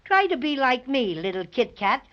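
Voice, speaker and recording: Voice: high-pitched, sing-song, normal speed, a bit bright. A chirpy little stuffed bear. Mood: boastful. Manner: chirpy and boastful. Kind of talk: 1930s radio drama acting. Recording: dull old radio recording.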